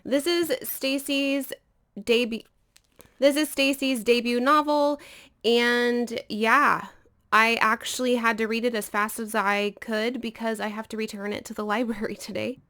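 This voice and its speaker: A woman's voice: on the high side, fairly bright tone. A woman casually chatting about books for her video channel, rambling a little with frequent fillers. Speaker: book vlogger. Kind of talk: casual book chat.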